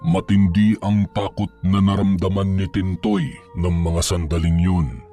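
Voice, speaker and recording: Deep, dark-voiced male horror narrator. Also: little pitch movement, soft background music. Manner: measured, suspenseful storytelling. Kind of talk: scripted horror story narration.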